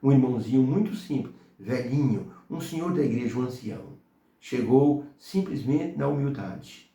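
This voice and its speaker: Gravelly Brazilian man teaching a Bible lesson. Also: medium pitch, lively intonation, moderate pace, warm tone, reverberant. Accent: Brazilian Portuguese. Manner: storytelling with anecdotes. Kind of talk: devotional Bible study talk.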